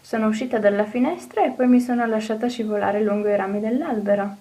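A woman reading an audiobook, voicing a cheerful, eager little orphan girl who talks in a bright, earnest way. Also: medium pitch, fast, far from the mic, close to an everyday voice, poor audio. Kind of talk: audiobook character voice.

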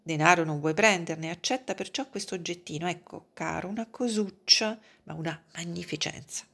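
A woman reading the lines of a flustered middle-aged doctor who protests and insists, in a low, husky voice. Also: moderate pace, fairly bright tone. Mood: insistent.

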